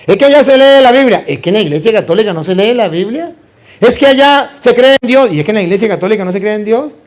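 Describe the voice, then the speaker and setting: Speaking fast, a high-voiced man delivers a lively sermon, pushing his listeners with rhetorical questions and call-and-response. He acts out playful little dialogues and lands them with humor.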